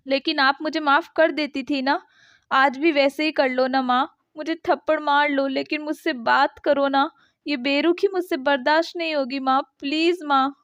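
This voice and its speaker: A grown son sobs and pleads with his mother for forgiveness, voiced by a woman storyteller in her own high voice. The audio sounds dull and dry, with no room around it. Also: a bit bright, no echo. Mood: tearful. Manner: tearful, begging.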